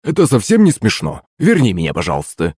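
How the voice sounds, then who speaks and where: A man's voice: on the low side, huge pitch swings, a little fast, darkish tone, slightly rough, dry recording, clean studio sound, heavily acted. A man voicing a grumpy male servant turned into a frog, squawking, pleading and cursing. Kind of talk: audiobook character voice.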